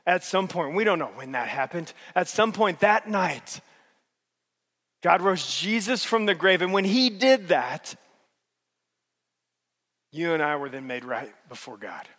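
Male pastor, high voice, sermon delivery with big dynamic swings, long reverb of a large church hall. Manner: swings between loud emphatic peaks and soft low passages.

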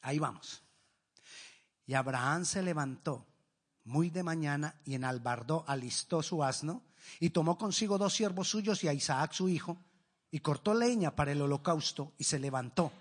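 A man delivers a sermon, reading the scriptures aloud and then stopping to ask questions that he answers himself. His voice sits high and comes across husky and breathy. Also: expressive, normal speed. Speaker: preacher.

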